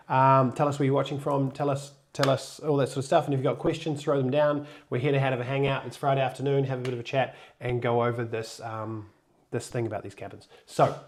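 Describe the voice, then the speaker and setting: A man hosting a casual live stream, chatting loosely and jokingly while getting over a cold. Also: medium pitch. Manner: chatty, loose, restarts and jokes. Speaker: co-host of a sailing channel live stream.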